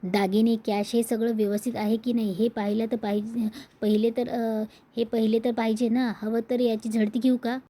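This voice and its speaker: A woman's voice: a little high, little pitch movement, moderate pace, warm tone, natural voice. A woman voicing a suspicious, irritable young man accusing a relative in a serial recap.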